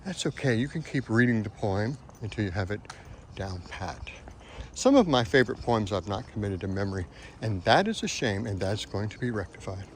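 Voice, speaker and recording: A man's voice: lowish voice, animated, fairly quick, a little hiss or hum. A man hosting a podcast, talking casually and wryly about poetry while walking outdoors, a little out of breath. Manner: wry, chuckling, conversational. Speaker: podcast host.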